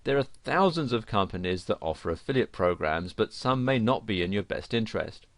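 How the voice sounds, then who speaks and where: A man reading a scripted instructional narration for an online course, with a lively, emphatic delivery. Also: fairly low pitch, fairly quick, no room sound.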